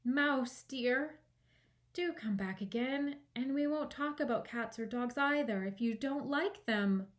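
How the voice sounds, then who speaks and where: A woman's voice: high voice, slow pace, pitched above the performer's own voice. A woman voicing an eager, polite young girl who chatters earnestly and apologises readily, in a children's storybook reading. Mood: apologetic, anxious.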